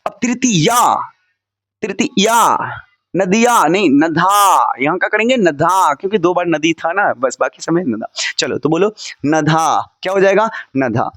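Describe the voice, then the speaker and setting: A man's voice: high voice, animated, normal speed, a bit bright, dry recording, clean studio sound. A male teacher giving a recorded lesson, drilling word forms with his students and repeating them over and over.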